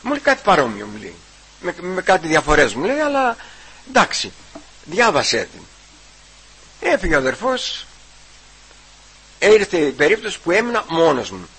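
A man giving a personal testimony at church. He retells the conversations and keeps repeating "I say" and "he says", with halting restarts. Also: fairly high pitch, wildly swooping pitch, fairly bright tone, husky, rough recording.

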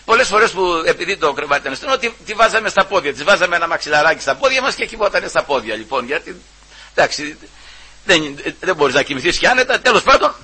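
A man delivers a sermon in a husky, strikingly sharp voice set somewhat high. He keeps addressing his listeners as brothers and moves from loud emphasis to quiet, hushed asides. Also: big pitch swings, poor audio. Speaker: preacher.

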